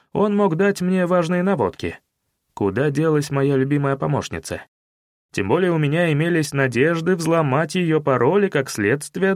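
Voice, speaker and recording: A man narrating a detective audiobook with a wry, measured delivery. His voice sits somewhat high for a man. The recording is dry and close, with no room sound at all. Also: dry recording. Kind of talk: scripted narration of a detective novel.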